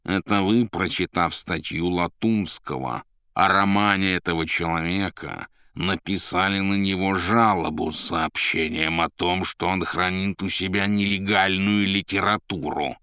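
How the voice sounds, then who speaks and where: A man's voice: low-pitched, unhurried, pushed and bright, clear, resonant tone, no echo, studio quality, heavily acted. A man doing a nasal demon henchman. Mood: menacing.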